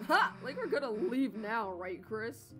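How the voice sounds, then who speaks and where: A woman's voice: on the high side, big pitch swings, unhurried, fairly bright tone, soft background music. Woman as Susie, a brash teenage monster girl. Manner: blunt, slangy, offhand.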